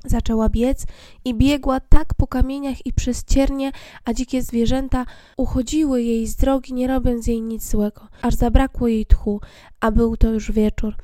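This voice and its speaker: A woman reading a fairy tale aloud in a gentle, even storybook manner, with a few small slips. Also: on the high side, moderate pace, no echo, studio quality.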